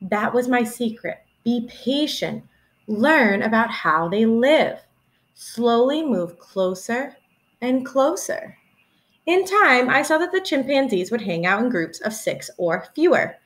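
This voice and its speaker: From a small room in her home, a twenty-something teacher uses her webcam to read a children's picture book expressively. Her voice is a little high, and she takes her time.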